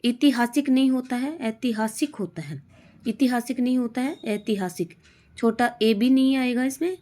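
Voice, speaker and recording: A woman teaching Hindi spelling for an exam, slowly drilling each word as wrong or correct, over and over. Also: a little high, darkish tone. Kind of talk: exam-prep spelling lesson.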